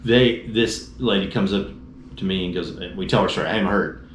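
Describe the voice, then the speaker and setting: A man with a fairly low voice tells a rambling personal story in a relaxed chat, slipping into other people's voices as he quotes them. He is in a roomy, echoey space with a faint hiss underneath. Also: moderate pace. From Dallas-Fort Worth area, Texas. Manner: animated storyteller, acts out quoted dialogue. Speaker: motorcycle trip rider telling his story.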